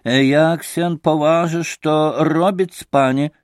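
A man voicing a pompous, easily offended Polish gentleman with a Polish accent, stiff and haughty. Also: a little high, fairly even intonation, takes it slowly, no echo, clean studio sound, pitched above the performer's own voice.

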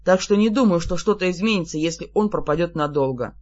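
The reader of an audiobook voicing a grumpy young man who mutters gruffly. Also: mid-range voice, fairly quick, lo-fi sound, natural voice. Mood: grumbling.

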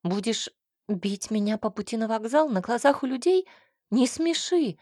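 A woman's voice: medium pitch, moderate pace, darkish tone, slightly rough, no echo, studio quality, close to an everyday voice. A woman reading a defiant young wife. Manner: defiant, insistent. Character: young married woman, frightened but defiant. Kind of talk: audiobook character reading.

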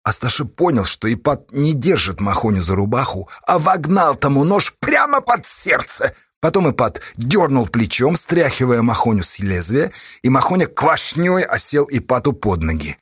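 A man narrating a dramatic audiobook, reading with intensity and sharp rises in pitch. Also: very animated, moderate pace, slightly rough, no room sound, clean studio sound.

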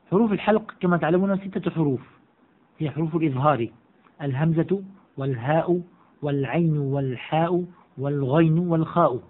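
A man teaching a classical grammar text, reading each line aloud and then explaining it and repeating the examples slowly. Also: fairly high pitch. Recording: tinny, phone-like audio.

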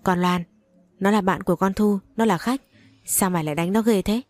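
A woman's voice: medium pitch, fairly quick, darkish tone, no echo, soft background music, lightly acted. A woman voicing a scheming, scolding older mother-in-law in a storybook reading.

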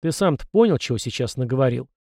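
A man voicing a brash young soldier hero in an audiobook, speaking in a lively, wry way. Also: mid-range voice, quick pace, creaky, no echo, clean studio sound. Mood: indignant.

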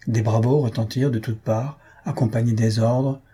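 Dark, husky-voiced male reader. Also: normal speed. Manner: lively, raises pitch for shouted crowd lines. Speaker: audiobook reader. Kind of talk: storybook narration.

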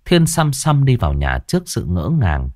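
A man's voice: medium pitch, wildly swooping pitch, moderate pace, darkish tone, no echo, studio quality. A man narrating a ghost story in a crude, colloquial way.

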